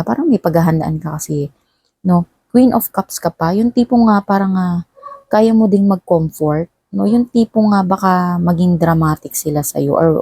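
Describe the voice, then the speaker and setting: A woman's voice: on the low side, dark tone, no echo. A woman from the Philippines giving a tarot reading straight to the viewer, chatty and full of tag questions. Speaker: tarot reader.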